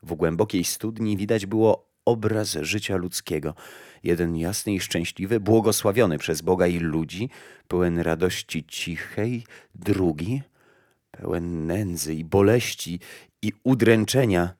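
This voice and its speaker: A man narrating a fairy tale aloud in a slow, solemn storytelling manner. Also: low-pitched, darkish tone, dry recording, studio quality.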